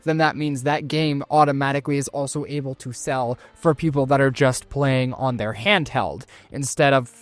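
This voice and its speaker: A man's voice: medium pitch, normal speed, hardly any pauses, no room sound. A man in a casual chat, speculating and explaining his reasoning at length.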